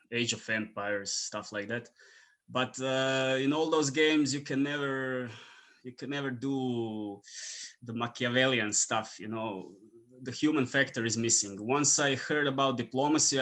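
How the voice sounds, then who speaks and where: Non-native English speaker from Croatia, casual podcast guest; bright, forceful tone with a mid pitch, relaxed and filler-heavy. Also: male voice. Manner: relaxed, many fillers, trailing off quietly. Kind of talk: casual interview chat.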